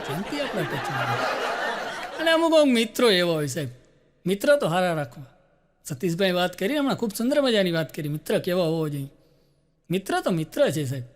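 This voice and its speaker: A middle-aged man performs stand-up, his high voice swooping with lively, animated pitch. He chats with the crowd between jokes, slowing to recite verse. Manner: animated storyteller, addresses audience as "saheb", recites couplets slowly. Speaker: stand-up comedian.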